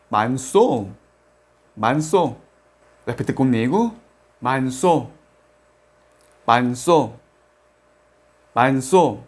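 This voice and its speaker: A man teaching a language lesson, speaking slowly and repeating each example word for the listener to say after him. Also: medium pitch. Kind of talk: slow, deliberate language lesson.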